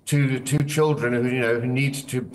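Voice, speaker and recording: A man's voice: medium pitch, fairly even intonation, distant mic, slight background noise. Opinionated man on a remote link. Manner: measured, opinionated, hedging with fillers. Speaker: royal commentator. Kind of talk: news commentary.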